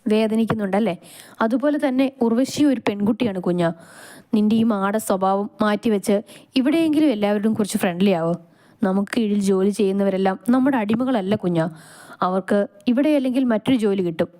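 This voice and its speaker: A woman's voice: mid-range voice, a little fast, natural voice. Woman doing a teasing, easygoing older brother. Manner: gently mocking, soothing.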